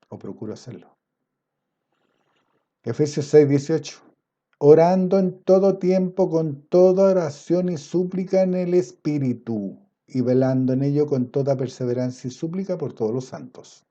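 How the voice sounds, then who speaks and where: A man preaching a sermon, swinging between loud emphatic passages and low quiet asides, and drawing out scripture quotes slowly. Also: lo-fi sound. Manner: quotes scripture in a slow, drawn-out cadence.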